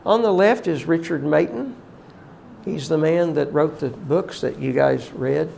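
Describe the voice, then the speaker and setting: An older man, a college teacher, reminiscing about former staff in a heartfelt, halting way, often emotional and prayerful. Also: on the high side, vocal fry, a little mellow, a little hiss or hum.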